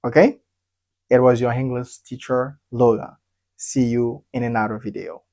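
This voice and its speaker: A man gives a bilingual English lesson at an unhurried, measured pace, drilling each phrase several times. His voice sits at an ordinary middle pitch, and he keeps checking in with his learners. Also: fairly even intonation, dark tone. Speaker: English teacher.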